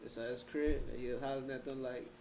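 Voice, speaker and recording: A young man co-hosting a podcast, chatting casually in animated slang and talking over his co-host. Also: mid-range voice, very fast, slight background noise. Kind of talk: casual chat.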